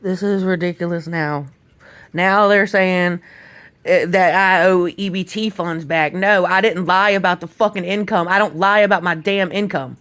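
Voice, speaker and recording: A woman's voice: lowish voice, steady tone, moderate pace, fairly bright tone. Frustrated woman, exasperated caller, blunt and profane. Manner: frustrated, swearing, repeats herself. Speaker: benefits recipient on a phone call. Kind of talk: phone call and angry venting.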